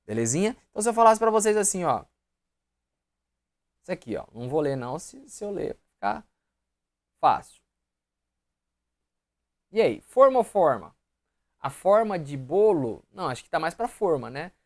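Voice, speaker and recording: A man's voice: a little high, sing-song, normal speed, pauses often. A man with a Brazilian Portuguese accent teaching an online grammar lesson, often checking in with the viewer and voicing imagined student questions.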